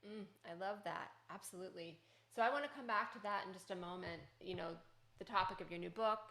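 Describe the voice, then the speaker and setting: A woman's voice: medium pitch, fast talker, pushed and bright, reverberant. A woman hosting a podcast, asking questions in an encouraging, engaged way. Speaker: podcast host. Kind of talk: podcast interview.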